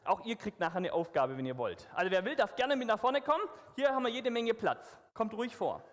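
A man's voice: high voice, big pitch swings, a little fast, in a large hall. A man leading a church service as pastor, upbeat and coaxing as he talks the congregation through an interactive story. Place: church hall with stage.

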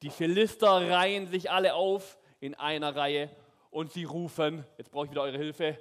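A man telling a Bible story to children in character, playful and animated, speaking straight to them. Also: fairly high pitch, moderate pace. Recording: echoey hall.

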